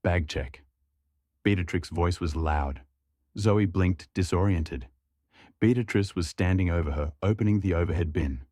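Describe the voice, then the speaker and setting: Low-voiced male story narrator. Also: no room sound, clean studio sound. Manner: steady, measured storytelling.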